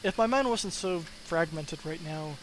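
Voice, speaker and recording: A man's voice: on the high side, a little slow, slight background noise, low-quality recording. A young man chatting casually on his live development stream, rambling with lots of fillers and sounding tired.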